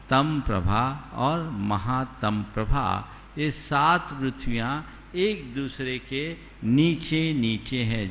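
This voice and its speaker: A man, a Jain monk, giving a sermon, teaching slowly and deliberately and asking his listeners rhetorical questions. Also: mid-range voice, vocal fry, fairly bright tone. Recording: long hall reverb, faint background noise.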